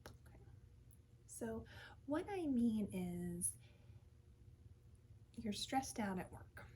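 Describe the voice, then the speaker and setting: Woman, calm therapist manner, ASMR role-play, unhurried, soft breathy mellow tone, gently coaching. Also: on the high side, slight background noise. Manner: reassuring, gently coaching with short repeated phrases.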